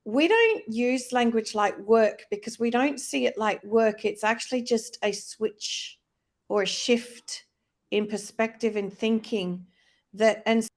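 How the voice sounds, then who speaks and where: A woman's voice: a little high, slow. Reflective woman explaining in a live talk. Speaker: co-host of a live faith-based wellness discussion. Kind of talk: conversational teaching, live online talk. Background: plane passing loudly overhead.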